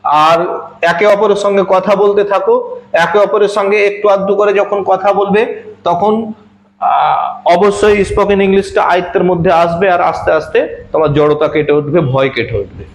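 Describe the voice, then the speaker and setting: A man whose first language is Bengali, teaching a spoken English lesson to children. He says short English sentences slowly and then translates each one. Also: high-pitched. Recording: echoey room.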